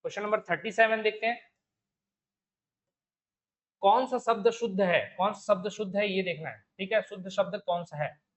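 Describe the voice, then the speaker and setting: A man's voice: sits high, normal speed, long pauses, fairly bright tone. A man teaching a Hindi spelling lesson online with a Chhattisgarhi Hindi accent, going through the options step by step and repeating key words. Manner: explains step by step, repeats the question and the answer over and over. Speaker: exam coaching teacher.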